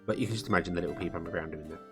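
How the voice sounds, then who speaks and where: A man's voice: sits low, racing. A man giving live commentary on a game while he plays, rambling and thinking aloud. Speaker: game streamer. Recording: music playing under the voice. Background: guitar music.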